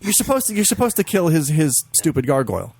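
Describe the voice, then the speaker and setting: A man co-hosting a podcast in casual chat, swearing freely, laughing often and jumping into high silly voices to mimic games. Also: sing-song, fast, gravelly, a little mellow, husky, no room sound. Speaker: podcast co-host.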